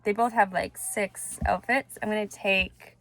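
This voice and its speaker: Unhurried and fairly bright, with a mid-range voice and fairly even intonation, a young mother of two chats in her family vlog. She muses aloud while handling a household task indoors; the home recording is clearly noisy and has clicks.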